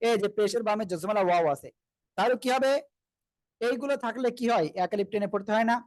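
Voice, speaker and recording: A man leads an online Quran recitation class, patiently drilling pronunciation and calling on everyone to repeat together. His voice sits high, and the sound is close and dry with no room around it. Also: fast, dry recording. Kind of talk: online group class teaching.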